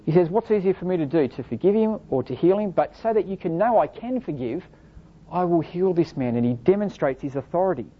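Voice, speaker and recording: Female preacher, lowish voice, earnest and explanatory, dull lo-fi recording. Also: lively intonation, fairly quick, slight background noise. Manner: earnest, explanatory, rhetorical questions. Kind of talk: sermon.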